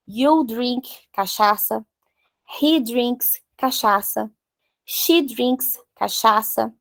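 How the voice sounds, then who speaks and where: A woman's voice: on the high side, vocal fry, no room sound. A woman with a Brazilian Portuguese accent teaching an English grammar lesson, joking around and drilling verb forms one by one. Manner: playful, jokey, drills conjugations slowly one by one.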